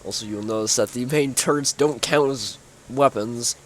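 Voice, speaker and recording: Medium-pitched and at a normal speed, a young man talks over slight background noise. He's a sleepy, yawning gaming YouTuber giving a rambling casual walkthrough of his own build, with many fillers and restarts.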